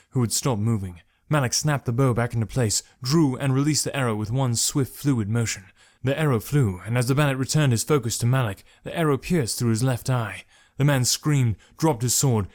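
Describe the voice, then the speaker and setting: A man reading a novel aloud in a measured, even storytelling manner. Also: mid-range voice. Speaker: narrator. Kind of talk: scripted narration.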